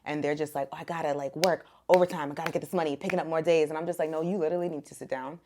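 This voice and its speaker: Background noise sits under a deep, very fast voice: a young woman born in Ethiopia and raised in America, casually discussing motherhood on a podcast. Her easygoing speech is packed with fillers like "like" and "um."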